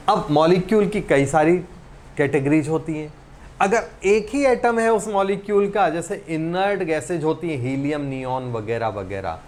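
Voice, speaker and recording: A man's voice: on the high side, a little mellow, a little hiss or hum. A man teaching a recorded chemistry lesson, reading out element lists and quizzing students with questions he answers himself. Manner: reads lists of elements slowly, one by one.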